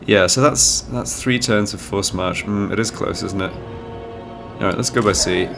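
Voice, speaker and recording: This gaming host, nasal from a cold, plays a strategy game at a measured pace with music behind him. His fairly low voice shows vocal fry as he reasons out loud and explains each move casually.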